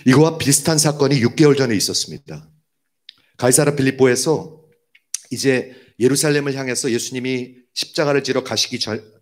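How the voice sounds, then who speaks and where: A man preaching a sermon as a pastor, emphatic, often asking the congregation rhetorical questions. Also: medium pitch.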